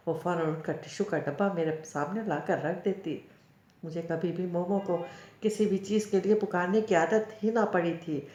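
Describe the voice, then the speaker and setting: Low-voiced woman reading a novel aloud. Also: a little mellow. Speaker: novel narrator. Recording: roomy, dull lo-fi recording.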